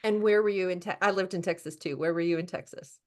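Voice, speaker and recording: A woman's voice: lowish voice, steady tone, fast talker. A woman hosting a podcast interview, introducing her guest with enthusiasm. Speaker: podcast host.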